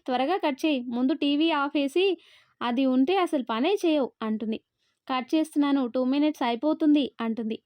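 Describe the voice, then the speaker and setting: Woman, storyteller, high voice, dry close sound, slightly dull audio, quick even reading. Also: no room sound. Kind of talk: scripted narration of a love story, all parts read by one voice.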